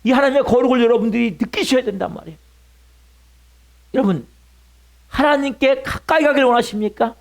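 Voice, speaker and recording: A middle-aged male pastor preaching a sermon, pressing his point with rhetorical questions and sudden drops to a hush. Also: very high-pitched, animated, fairly quick, creaky, pauses often.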